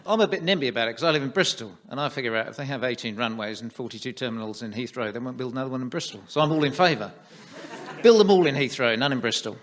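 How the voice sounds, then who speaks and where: Fast-talking male comedy panelist. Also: mid-range voice, fairly bright tone, a little hiss or hum. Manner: chatty, wry rambling. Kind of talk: comic panel banter.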